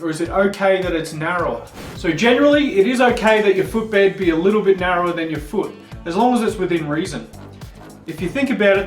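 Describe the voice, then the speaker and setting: A man with a blocked, nasal voice hosting an informal instructional question-and-answer show, explaining things plainly. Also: high voice. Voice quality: nasal, blocked-nose sound. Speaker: host of a ski boot advice show. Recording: roomy echo, distant mic, music.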